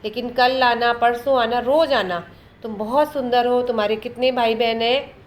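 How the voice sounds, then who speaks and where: A woman reading the lines of a sweet-talking rich merchant who flatters and coaxes a little bird, repeating himself. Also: a little high, normal speed, slight background noise, natural voice. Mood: coaxing.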